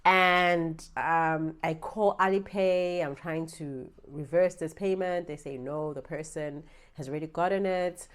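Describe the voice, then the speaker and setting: Low-voiced South African woman telling a story. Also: unhurried, few pauses, smooth. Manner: animated, swears freely, swings from low asides to loud outbursts. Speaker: vlogger. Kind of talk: storytime vlog. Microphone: small handheld gimbal camera.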